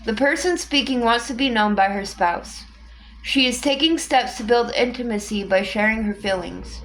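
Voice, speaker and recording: A woman reading a book aloud in a calm, measured way, with an occasional small restart. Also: fairly high pitch, faint music behind. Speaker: audiobook reader.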